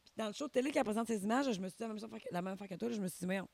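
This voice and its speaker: A woman's voice: mid-range voice, rapid-fire, vocal fry, darkish tone. A young woman with a Québécois accent chatting casually, teasing and putting herself down. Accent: Québécois French. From Beauce, Quebec. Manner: self-deprecating, teasing, swears casually. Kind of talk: casual chat.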